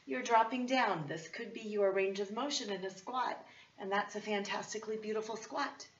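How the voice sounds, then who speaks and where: Woman workout instructor: hoarse, voice half gone, mid-pitched, chatty and encouraging coaching, lo-fi muffled audio. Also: normal speed, distant mic, a little hiss or hum. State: voice partly lost. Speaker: fitness instructor and program host. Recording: dull, lo-fi sound.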